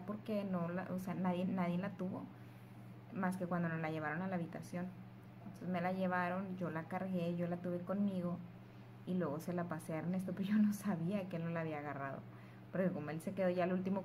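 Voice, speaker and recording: Woman, young adult, warm mellow voice, vlog storytelling, emotional, faint room hum. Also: medium pitch, poor audio. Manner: emotional, animated retelling with voiced quotes; soft, hushed voice while holding her sleeping baby. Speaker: vlogger. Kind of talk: casual storytelling to camera.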